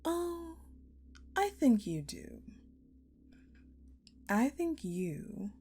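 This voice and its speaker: A woman voices a sadistic female general in a dark audio roleplay addressed to the listener, her mid-range delivery heavily acted. The ice-queen character is coldly menacing and commanding, speaking deliberately with mocking, sweet condescension and dramatic pauses.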